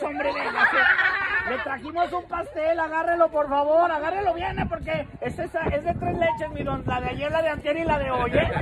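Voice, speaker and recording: A man with a Mexican accent hosting a street vlog, joking, teasing and shouting to people outdoors at night. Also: extremely high pitch, very noisy. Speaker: street prankster host. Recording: busy street with crowd chatter. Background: crowd chatter.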